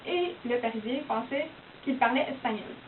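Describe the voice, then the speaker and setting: A young university student from Quebec, speaking with a Québécois French accent in a high, light voice, explains her dialect in a casual, chatty and expressive way at normal speed, peppering her sentences with "donc" and "euh." She sounds distant from the mic in an echoey room, and the audio is thin and phone-like with a faint hiss.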